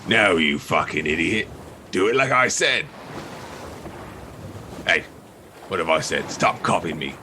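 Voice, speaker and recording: Guy doing a grumpy gruff dwarf prisoner for a tabletop game, low voice, bickering and curt. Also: lively intonation, unhurried, pauses often, sharp tone, a little hiss or hum, exaggerated voice. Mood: irritated.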